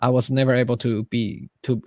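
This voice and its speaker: Male host, mid-pitch, halting and eager, dry close sound on a video call. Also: little pitch movement, a little mellow, dry recording. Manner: halting, many fillers and restarts, enthusiastic praise. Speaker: webinar host. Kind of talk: casual webinar hosting.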